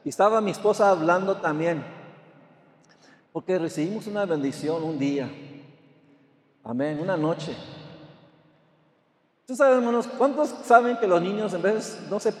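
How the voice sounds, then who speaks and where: A man's voice: sits high, expressive, moderate pace, long pauses, echoey room, big-room sound. An older man, a pastor, telling a story in a sermon with frequent amens and repeated words. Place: church.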